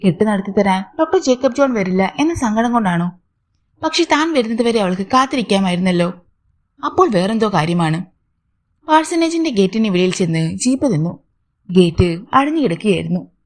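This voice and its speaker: A woman's voice: medium pitch, big pitch swings, fairly quick. A woman narrating a story, reading all the characters' lines in her own voice.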